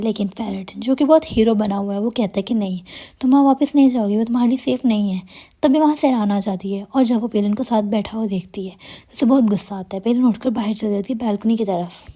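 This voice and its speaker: A young woman telling the plot of a drama episode as a steady storytelling recap, reading the characters' lines in her own voice. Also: a little high.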